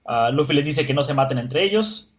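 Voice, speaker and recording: A man hosts a podcast and walks through an episode in loose, conversational speech. He laughs often and fills his pauses with small hesitation words. His voice sits at an ordinary middle pitch for a man. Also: animated. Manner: chatty, laughs often, frequent filler words. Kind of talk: casual episode recap.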